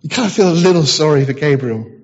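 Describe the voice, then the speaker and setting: A man's voice: on the high side, expressive, fast, dull audio. A man preaching a sermon in a conversational way, acting out the story as he goes. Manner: conversational, acts out scenes in voices.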